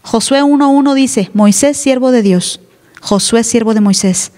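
A woman's voice: fairly high pitch, a little slow, warm tone. A woman pastor, preaching an emphatic, teasing sermon in church. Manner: emphatic, teasing, plays other voices. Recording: live church hall reverb.

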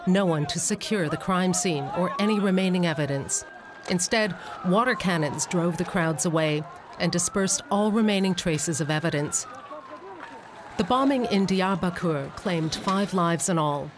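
A documentary narrator reading a calm, even, scripted narration. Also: medium pitch. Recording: narration over music and crowd noise.

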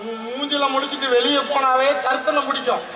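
A man's voice: extremely high pitch, steady tone, a little fast. A man acting a harsh, scornful older village man in a stage drama, hurling insults. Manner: contemptuous, insulting. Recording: echoey stage, music and crowd.

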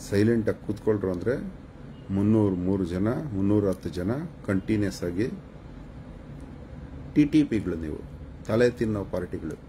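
A man's voice: lowish voice, expressive, a little slow, pauses often, warm tone, a little hiss or hum. A man hosting a live stream, lecturing his viewers in a preachy, scolding and mocking way. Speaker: channel host giving advice on a live stream.

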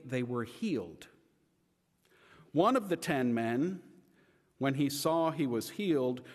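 A male pastor reading scripture aloud in a church service, slow and measured with lifted emphasis. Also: a little high. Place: church sanctuary. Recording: long reverb of a church sanctuary.

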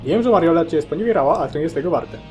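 A man doing a firm, steady young man. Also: a little high, racing, faint music behind, voice pushed up, natural voice.

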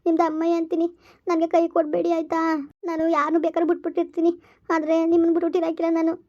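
A woman's voice: very high-pitched, completely flat delivery, very fast, warm tone, highs cut off. A woman acting a young village wife in a homemade drama, talking in a pleading, emotional way. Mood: hurt pleading. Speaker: [name].

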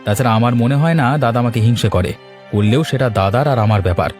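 A man's voice: medium pitch, fast, a little mellow, faint music behind, lightly acted. A man voicing a hot-tempered newly married young man in a cartoon, blunt and angry. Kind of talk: cartoon voice acting.

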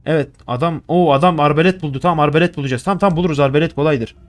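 A man's voice: fairly high pitch, racing. A young man commenting on a horror game he plays at home. He gets jumpy, swears a lot and chats to the objects he finds. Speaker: gaming YouTuber. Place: home room.

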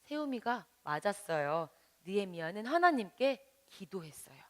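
Lively-voiced woman teaching a children's Bible lesson. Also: mid-range voice, moderate pace. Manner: gentle, explaining, asks children questions. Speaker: Sunday school teacher.

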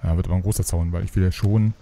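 A man's voice: low voice, fairly even intonation, rapid-fire, warm tone. A man hosting a let's play, chatting casually and grumbling to himself as he builds. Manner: rambling, grumbles to himself, mutters asides. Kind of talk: casual gaming commentary.

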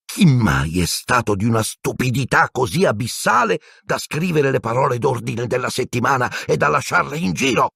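A man's voice: on the high side, sing-song, moderate pace, a bit bright, dry recording, clean studio sound, pitched above the performer's own voice. A man voicing a strict older woman professor who scolds sharply. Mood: stern, scolding.

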